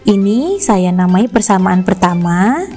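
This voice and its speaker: A woman's voice: medium pitch, very animated, unhurried, warm tone, slightly rough, faint music behind. A woman math teacher from Indonesia with a Jakarta accent, explaining graphs step by step in a recorded lesson, with frequent tag questions to her students.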